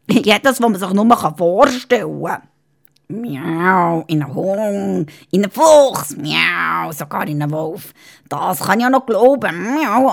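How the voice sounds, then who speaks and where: A woman's voice: mid-range voice, gravelly. A cunning male cat in boots from a storybook, as a woman puts him on, meowing between sweet-talking phrases. The voice swings widely up and down with a Swiss German accent. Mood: flattering.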